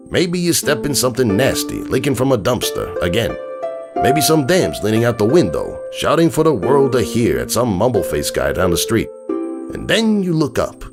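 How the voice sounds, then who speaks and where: In a dramatic reading, a man with a mid-range voice plays a gruff, world-weary stallion who knows the streets. He tells a bedtime story in slangy tones that shift between grumbling and wistful.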